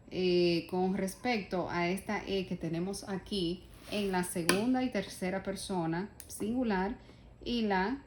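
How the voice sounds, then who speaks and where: This spoken language lesson features a woman of medium pitch and darkish tone. She patiently breaks down German grammar in Spanish, speaking to the class as "ustedes" and tossing out rhetorical questions as she goes.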